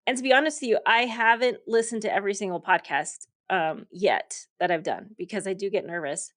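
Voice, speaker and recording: Being interviewed, a podcast host in her thirties whose first language is English chats away casually, laughing often and using many fillers. She speaks a little fast in a medium pitch with a fairly bright tone.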